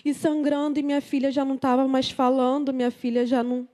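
A grieving mother speaks with a Brazilian Portuguese accent in a high, mellow voice. She talks haltingly, circling back to the same phrases again and again. Her voice stays close to tears. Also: level tone. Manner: halting, repeats phrases over and over. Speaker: mother giving testimony. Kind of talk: emotional personal testimony.

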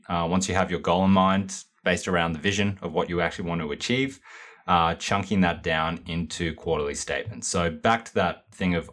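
A man with a very low, deep voice co-hosts a relaxed podcast chat. He talks in a laid-back way and lays out ideas one step at a time, often filling pauses with ums. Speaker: podcast co-host. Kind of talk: casual explanatory chat.

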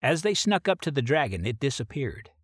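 A man's voice: mid-range voice, big pitch swings, brisk, no room sound. Man reading a story, dry close sound. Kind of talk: reading an original myth adventure story aloud.

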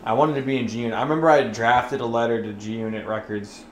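A young man chatting loosely on a podcast, joking and cursing, his words often trailing off into a mumble. His pitch sits in the middle range. A crowd murmurs clearly behind him. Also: fairly even intonation, fast. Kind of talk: casual chat.

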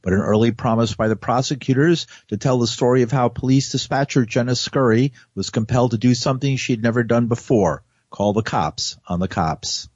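A man reads a news report in a measured, even voice. The sound is very dry and slightly dull, with no room around it. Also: medium pitch, no echo. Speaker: news narrator. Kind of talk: scripted news narration.

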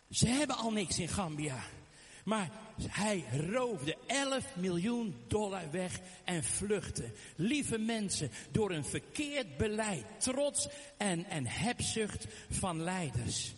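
A man preaching a fervent, emphatic sermon, with frequent amens and hallelujahs. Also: high voice. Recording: long hall reverb.

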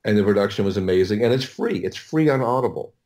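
His voice sits on the low side, animated and darkish in tone. As a podcast guest, the middle-aged American audiobook producer tells rambling stories, breaking off and correcting himself often.

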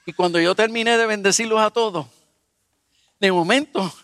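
A man's voice: high-pitched, normal speed, no echo, in a large hall. A man preaching as a pastor, telling personal stories with humor and asking the congregation questions. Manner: animated, humorous, asks the audience questions. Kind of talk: sermon with personal storytelling.

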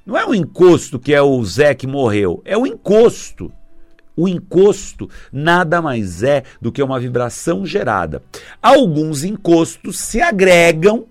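A man talks casually to his viewers about spiritual energy. His voice sits a little high and leaps around in pitch as he acts out small scenes. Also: very animated, a little slow, soft background music. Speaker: spiritual talk presenter.

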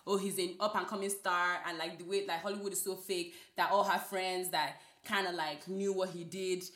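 A young woman from Nigeria co-hosting a podcast, chatting casually, animated and laughing, with lots of "like" fillers. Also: on the low side, normal speed, roomy sound. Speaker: podcast co-host. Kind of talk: casual chat.

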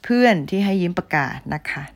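A woman teaching English grammar, explaining patiently and spelling out words letter by letter. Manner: patient, ends phrases with polite particles, spells letters slowly.

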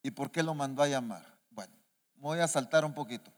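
A man preaching a sermon as an apostle, animated and questioning the congregation again and again. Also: medium pitch, fairly quick. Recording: reverberant church hall.

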